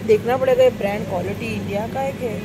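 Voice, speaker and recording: A fast-talking woman vlogger from South Asia, with an Indian Hindi-Urdu accent and a fairly high voice with fairly even intonation, walks through a large supermarket chatting casually about products and prices. It's a casual walk-through vlog shot as phone video, with store noise audible.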